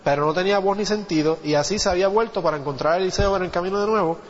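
A man's voice: high voice, very fast. A man preaching a sermon, teaching from the Bible in a conversational way and often turning to his listeners with questions. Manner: conversational Bible teaching, asks the congregation "¿viste?". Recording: dull audio with long hall reverb.

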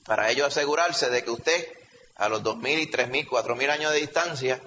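A man's voice: medium pitch, a little fast, bright, forceful tone. A male pastor preaching a sermon in an emphatic teaching manner, often checking in with the congregation. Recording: reverberant hall, slightly dull sound, faint background hum.

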